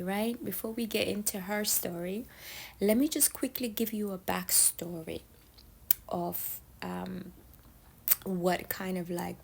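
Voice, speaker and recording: Woman from somalia chatting through a story, bit of vocal fry, keeps going "yeah? right?". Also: medium pitch, poor audio. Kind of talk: casual storytelling monologue.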